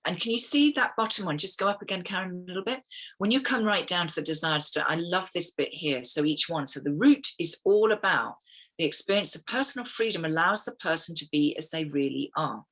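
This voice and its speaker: A woman with a bright, sharp edge and a husky, breathy grain reads chakra statements on a group wellness call. She is soft-spoken and musing, and she drops in a quiet "okay" between readings as she guides listeners through affirmations. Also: on the low side, expressive, a little fast, rough recording. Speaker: wellness guest speaker.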